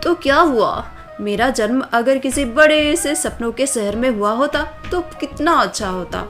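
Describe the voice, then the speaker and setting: A spoiled rich young city girl, played by a woman storyteller, brags and sulks in a dismissive, drawn-out way. The voice sits a little high. Soft music plays underneath the storybook audio. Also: expressive. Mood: snooty. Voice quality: boastful, dismissive, drawn-out complaining. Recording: faint background music.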